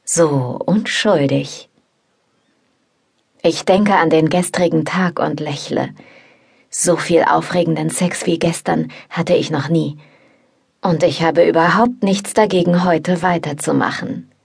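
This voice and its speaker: A woman narrating a novel in the first person, with a calm, intimate manner. Her voice is low and gravelly, with a slightly husky texture. The reading is scripted and steady. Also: measured pace. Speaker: audiobook narrator.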